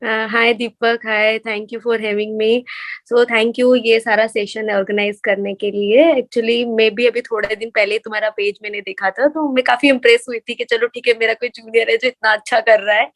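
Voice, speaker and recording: A young adult woman, a doctor in training, tells her stories as a guest in a casual interview. Her voice sits a little high, and she narrates animatedly, slipping into the lines of others. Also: moderate pace. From India. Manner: lively anecdotal storyteller, acts out others' lines. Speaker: guest, medical resident.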